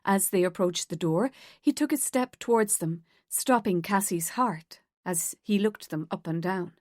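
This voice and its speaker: A woman's voice: medium pitch, no echo, clean studio sound. Woman narrating a thriller. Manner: steady, measured storytelling. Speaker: audiobook narrator. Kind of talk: scripted narration.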